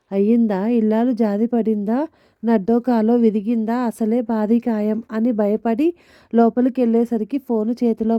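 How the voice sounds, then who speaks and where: A woman telling a scripted audio story in a lively, wry way. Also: a little high, dry recording. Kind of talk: scripted narration. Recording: dull lo-fi dry recording.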